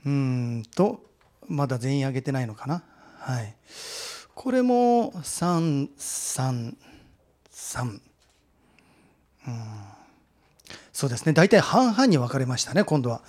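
A man's voice: mid-range voice, big pitch swings, takes it slowly, pauses often, a little mellow. A man giving a talk to a live audience, telling an anecdote in a chatty way and polling the listeners by show of hands. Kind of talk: animated storytelling lecture.

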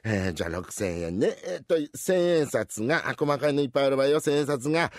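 A fussy, chatty old woman shopper, as a male storyteller puts her on, rambling and scolding in a comic rakugo tale. Her voice swoops lively up and down. The recording is close and dry. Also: mid-range voice, a little fast, dry recording, close to an everyday voice.

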